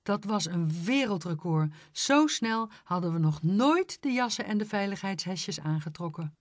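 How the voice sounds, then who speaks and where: Slow, playful woman reading a storybook. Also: mid-range voice, no room sound, studio quality. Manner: lively, playful. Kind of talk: children's storybook narration.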